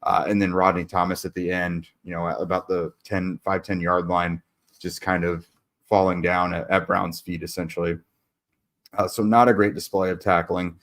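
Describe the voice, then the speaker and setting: Speaking at a normal speed, this podcast host has a low, a-bit-bright voice with little pitch movement. He's losing his voice as he runs through a casual game recap on his sports show, stumbling through fillers and restarts.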